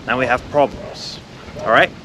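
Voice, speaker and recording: A man's voice: medium pitch, normal speed, background noise. A man who trains dogs, talking bluntly and directly to the viewer while walking a dog outside. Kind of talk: outdoor training instruction. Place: outdoors on a street.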